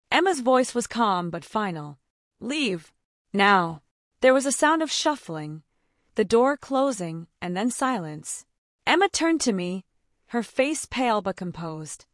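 A woman's voice: medium pitch, no echo, clean studio sound. Woman narrating a tense first-person story.

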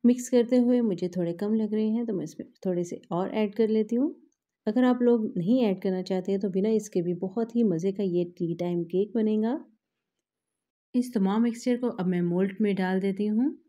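A woman host, calmly explaining a recipe step by step to her viewers in a voice-over. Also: mid-range voice, moderate pace, lo-fi sound. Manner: calm, instructive, addresses viewers directly. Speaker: cooking channel host.

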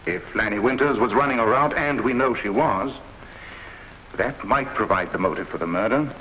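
A cool, shrewd inspector. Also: male voice, lowish voice, normal speed, sharp tone. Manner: cool, probing, dry understatement. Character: calm shrewd male police inspector. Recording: dull 1950s TV soundtrack, faint hiss.

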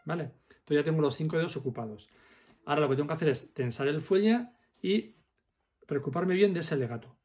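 A man's voice: fairly high pitch, a little fast, darkish tone, soft background music. A man teaching accordion step by step, patiently explaining fingering and counting the beats aloud. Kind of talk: step-by-step music lesson.

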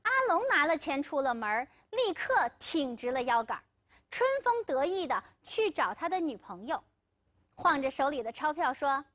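A woman lecturer on a TV legal program, telling a story in a vivid, expressive way. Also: high-pitched, moderate pace. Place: TV studio.

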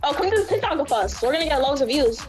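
A woman with a high, bright voice, chatting casually while she plays a game with a friend. She bosses the friend around and jokes constantly, and faint music plays behind her. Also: expressive, rapid-fire. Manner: playful, bossy, joking. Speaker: game player. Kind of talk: casual gaming chat.

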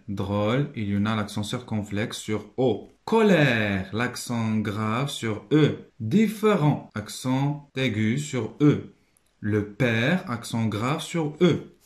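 A man with a Moroccan accent teaching a primary school lesson. He says each word slowly and stresses it, then explains in quieter asides. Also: fairly low pitch, echoey room. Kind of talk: classroom lesson walkthrough.

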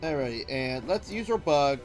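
A man commentates casually on a game he is playing. His voice is a little high and lively in pitch, with faint game music behind. He thinks aloud, a bit hesitantly. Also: measured pace. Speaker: let's play host.

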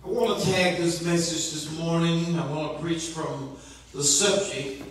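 Slow-preaching pastor in an echoey church. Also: male voice, on the high side, fairly even intonation. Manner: rising to fervent, rhythmic preaching with repeated phrases; slow, measured delivery. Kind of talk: sermon. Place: church sanctuary. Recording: echoey church hall from far off.

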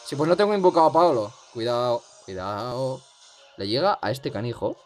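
A man's voice: on the high side, very animated, fast, a little mellow. Young guy rambling over his game, voice jumps all over, bit of music under it. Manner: rambling, chatty, lots of fillers. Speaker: gaming youtuber. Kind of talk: casual gameplay commentary.

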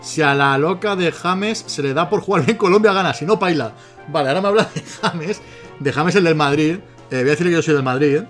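A man's voice: a little high, a little fast, a bit bright, faint music behind. A man with a Spain Spanish accent gives casual, chatty commentary as he chats with a bot. He giggles often and keeps breaking into laughter. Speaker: YouTuber.

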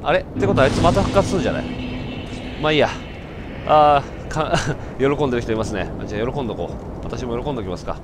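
A man giving casual let's-play commentary, breaking from muttered asides into loud startled outbursts. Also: mid-range voice, expressive, fast, noisy background.

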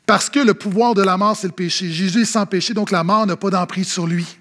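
A man's voice: high-pitched, fairly quick. A man with a Québécois French accent, preaching a sermon as pastor and telling funny anecdotes, acting out the people he quotes. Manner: animated storytelling, acting out quoted voices.

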